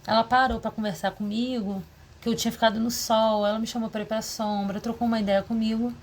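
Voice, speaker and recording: A woman's voice: fairly high pitch, little pitch movement. Woman rambling in a confessional diary vlog. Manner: confessional, rambling, with quick asides. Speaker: vlogger.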